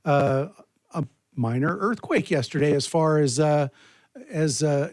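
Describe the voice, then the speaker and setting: A man's voice: fairly high pitch, a little slow, a little mellow, no room sound. An American man co-hosting a radio show from the studio, chatting casually about politics and local news. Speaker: radio co-host and producer behind the glass.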